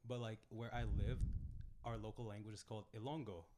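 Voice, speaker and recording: Brisk and low-voiced, this young man from the Philippines chats casually as a podcast co-host, cursing without restraint. Quoting family members brings out his animation, and there's plenty of noise in the recording.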